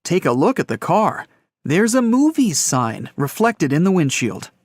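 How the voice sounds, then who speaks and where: A man narrating riddle stories in a scripted, lively storytelling way. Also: on the high side, measured pace, a little hiss or hum.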